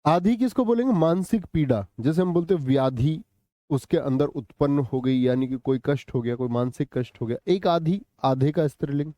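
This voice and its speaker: Male teacher on a live exam-prep stream, keeps questioning the class; higher pitch, warm and mellow, dry room. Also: normal speed, no room sound. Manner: quizzes students with repeated questions, answers live chat. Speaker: Hindi teacher.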